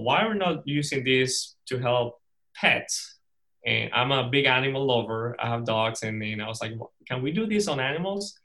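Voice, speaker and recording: Speaking in a mid-range, slightly bright voice, a middle-aged man from Venezuela recounts his career to an audience as a guest speaker. It's a personal story told with restarts and laughter.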